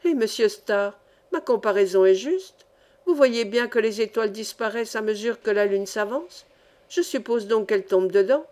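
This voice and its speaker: Jack Ryan is a merry young miner fond of flowery comparisons, as a woman reader puts him on. He speaks a bit lower and slower, with playful theatrical flourish, in a storybook reading. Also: animated, a little mellow, close to an everyday voice. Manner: playful, florid, slow. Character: jovial poetic young male miner.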